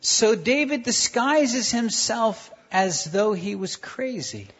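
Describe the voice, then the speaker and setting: Preacher, husky and expressive, pitch all over the place, acts out scenes; dull lo-fi sound. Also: takes it slowly. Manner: animated, acts out the story with stutters and shouts. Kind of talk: sermon with live interpretation.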